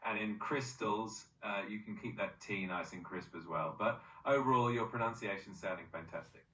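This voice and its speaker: A man's voice: lowish voice, pushed and bright, echoey room, recorded from a distance, a little hiss or hum, rough recording. A male-sounding AI voice assistant coaching pronunciation, upbeat and encouraging with frequent praise.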